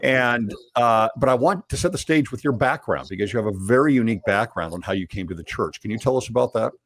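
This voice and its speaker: A man's voice: mid-range voice, expressive, fast talker, fairly bright tone. A man hosting an interview show, introducing his guest with upbeat enthusiasm. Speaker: podcast host.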